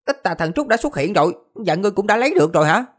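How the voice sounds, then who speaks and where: Man voicing an arrogant young sect hothead in a storybook, high and sharp. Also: animated, racing. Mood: angry. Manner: sharp, demanding. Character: hot-tempered young male sect disciple, arrogant.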